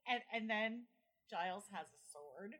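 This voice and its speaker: A woman's voice: medium pitch, expressive, unhurried, a bit bright. A woman co-hosting a casual podcast chat, gushing enthusiastically about the show. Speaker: podcast co-host.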